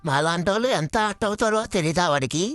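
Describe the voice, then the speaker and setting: A woman's voice: lowish voice, lively intonation, fast talker, loud music behind the voice, natural voice. A woman voicing a hot-tempered, insulting young man in a cartoon. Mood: angry, insulting. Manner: shouting insults, blunt.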